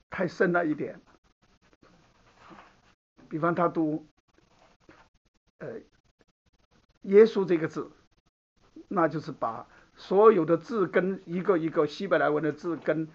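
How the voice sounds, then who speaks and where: A man preaching a Bible sermon, teaching conversationally and often checking in with the listeners. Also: a little high. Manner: conversational teaching, asks the room "好不好". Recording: dull lo-fi recording.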